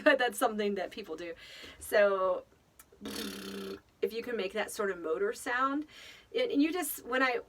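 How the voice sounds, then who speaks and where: A woman's voice: medium pitch, recorded from a distance. A woman giving casual, rambling parenting advice, thinking aloud and laughing often. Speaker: speaker on children's faith formation.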